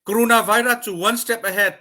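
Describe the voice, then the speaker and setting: A man giving an informal educational talk on a community livestream, deliberate and dropping English terms into his speech. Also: extremely high pitch, steady tone, pushed and bright. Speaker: speaker at a community support livestream.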